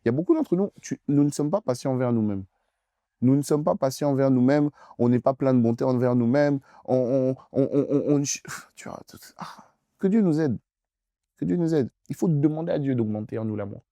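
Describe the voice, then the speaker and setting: A man's voice: medium pitch, fairly quick, mellow, no room sound. A young man preaching as pastor in a youth question-and-answer session, emphatic and insistent, repeating phrases straight at the listener.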